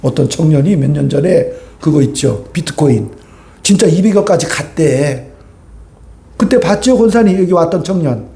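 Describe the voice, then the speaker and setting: In an echoey church sanctuary, a male pastor preaches at a normal speed with a high but soft, mellow voice and lively intonation. His sermon sounds conversational, and he repeatedly nudges the congregation to agree.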